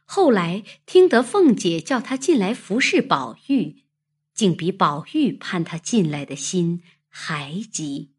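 A woman narrating a classic novel in a slow, expressive reading style. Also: fairly low pitch, breathy edge. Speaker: storyteller.

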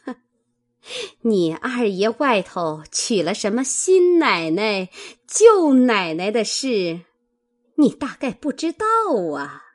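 A woman voicing a sharp-tongued, domineering noble lady who scolds and mocks a servant. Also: medium pitch, big pitch swings, slow. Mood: scolding, mocking. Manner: scolding, mocking, cutting.

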